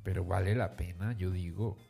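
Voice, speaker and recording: A man's voice: low voice, steady tone, normal speed, vocal fry, warm tone. A man trades banter as co-host of a gossip show. He reads tabloid headlines aloud in an easy, chatty way, with faint music playing behind him. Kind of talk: casual gossip chat.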